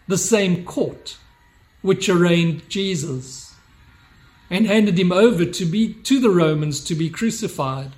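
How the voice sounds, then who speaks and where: A man preaching a sermon, slow and measured, building on repeated rhetorical questions. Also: sits high.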